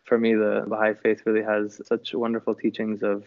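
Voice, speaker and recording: A man who grew up in Chile, calmly and earnestly answering interview questions about his upbringing. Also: on the low side, a little fast, dry recording. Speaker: musician guest. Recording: dull lo-fi dry sound.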